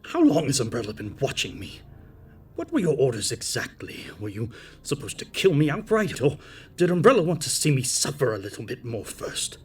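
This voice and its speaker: A man's voice: mid-range voice, huge pitch swings, moderate pace, slightly rough, voice pushed up, heavily acted. A man voicing a sadistic, paranoid corrupt police chief in an audio drama, taunting and menacing, with music behind. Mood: angry sneering.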